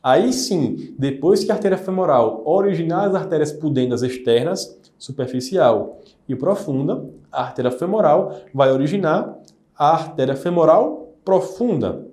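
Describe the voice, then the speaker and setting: A man teaches anatomy in a careful, methodical way, often pausing to check that his listeners follow. His voice sits a little high yet sounds mellow and soft-edged. The room gives it a noticeable echo. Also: lively intonation. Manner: methodical, repeats terms, checks in with "ok?" and "né?". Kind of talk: explanatory lecture.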